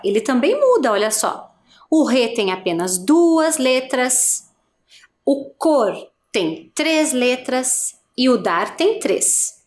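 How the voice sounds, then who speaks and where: A woman teacher with a Brazilian Portuguese accent giving an adult education video lesson, explaining slowly and patiently and asking the learner encouraging questions. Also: high voice. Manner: slow, patient, syllable-by-syllable explanation.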